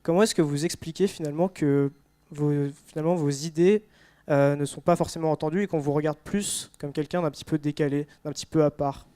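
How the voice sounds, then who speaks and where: A man's voice: a little high, steady tone, brisk, warm tone, smooth. A man interviewing a guest at a conference, asking long questions with frequent hesitation. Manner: hesitant, with many fillers and restarts.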